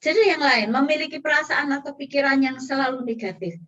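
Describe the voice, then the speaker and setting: A woman pastor delivers an emotional, earnest sermon, speaking straight to her congregation. Her voice sits high. The sound is caught from some distance off the microphone. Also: a little fast, fairly bright tone, highs cut off. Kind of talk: sermon with personal testimony. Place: church service. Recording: distant from the mic.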